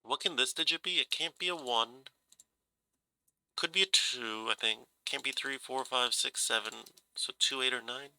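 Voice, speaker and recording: Casual puzzle solving out loud from a man whose mid-range voice moves at normal speed and comes across pushed, bright, clear and resonant. A cold leaves him congested and slightly scratchy as he hesitantly reasons along, revising himself as he goes.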